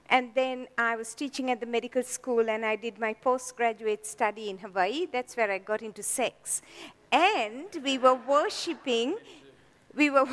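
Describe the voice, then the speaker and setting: An older woman from Sri Lanka giving a talk with dry humor, her voice slightly hoarse, laughing at her own jokes. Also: on the high side, big-room sound. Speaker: guest speaker.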